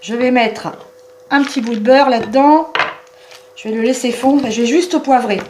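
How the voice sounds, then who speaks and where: A woman hosting a home cooking show, chatting warmly and explaining each step of a recipe. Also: a little high, moderate pace, background noise. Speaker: cooking channel host. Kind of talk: cooking demonstration. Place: home kitchen.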